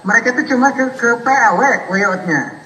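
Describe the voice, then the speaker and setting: A man in a casual phone conversation, heard as a call played back over a loudspeaker, talking insistently with many restarts and murmured agreement. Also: extremely high pitch, sing-song, a little fast, a little hiss or hum. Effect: phone call played over a courtroom loudspeaker. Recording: echoey, distant loudspeaker playback in a hall.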